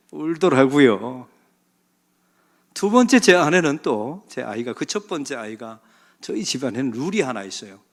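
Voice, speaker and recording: A middle-aged man preaching a Sunday sermon as pastor, swinging from loud exhortation to hushed storytelling. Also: mid-range voice. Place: church sanctuary.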